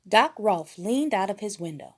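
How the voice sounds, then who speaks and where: A woman reads a children's storybook aloud, narrating expressively. Her voice is mid-range and her pace normal, with a little hiss or hum in the recording.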